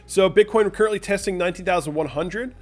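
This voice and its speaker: On his relaxed crypto livestream, a young man from the US walks through charts and replies to messages from the chat. He speaks quickly in a high-pitched voice.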